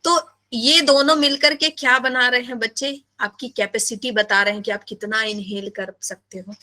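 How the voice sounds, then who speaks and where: A woman teaching biology in a live class, animated and playful, often asking her students questions. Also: a little high, normal speed.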